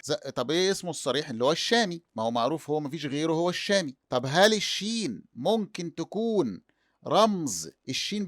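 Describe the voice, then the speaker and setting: A man's voice: a little high, no echo, clean studio sound. A man with an Egyptian accent teaching a lesson, asking and answering his own questions. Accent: Egyptian Arabic. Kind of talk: explanatory lesson.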